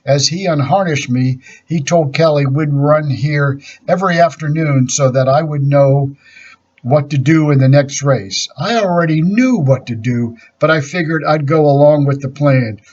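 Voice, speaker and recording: Husky-voiced man reading a children's story. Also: fairly high pitch, normal speed, a little mellow. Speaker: storybook reader. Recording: dull lo-fi recording.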